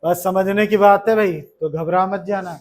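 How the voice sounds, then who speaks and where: एक पुरुष शिक्षक कक्षा में छात्रों को पढ़ा रहा है, बार-बार सवाल पूछता है और मज़ाक में छेड़ता है।. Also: male voice, high-pitched, steady tone, moderate pace, a little mellow. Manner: chatty, keeps asking questions, teasing. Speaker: teacher. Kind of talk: classroom lesson to students. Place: classroom.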